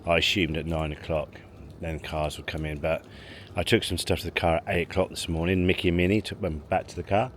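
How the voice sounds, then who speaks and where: A family vlogger chats casually to camera, rambling and chuckling between remarks, first outdoors in a car park and then at a leisure pool. His voice is low, level in tone and brisk, captured on a handheld vlog with loud background noise.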